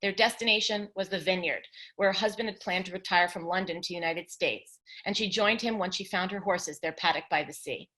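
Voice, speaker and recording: A woman author reading an excerpt of her nonfiction book aloud in a measured literary manner, with brief casual asides, over a video call. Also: lowish voice, pushed and bright.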